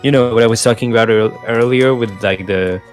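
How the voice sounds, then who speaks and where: A man talks easily about a game, pausing and hedging as he goes. His voice sits at an ordinary middle pitch. Faint music plays behind him. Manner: easygoing, hesitant with fillers. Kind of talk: casual let's play chat.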